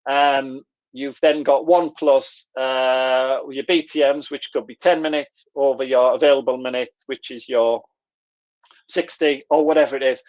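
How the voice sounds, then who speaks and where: A man's voice: medium pitch, fairly even intonation, measured pace. A man with a Middlesbrough, Teesside accent explaining things conversationally as he presents an online workshop. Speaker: webinar presenter. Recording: dull, lo-fi online call audio.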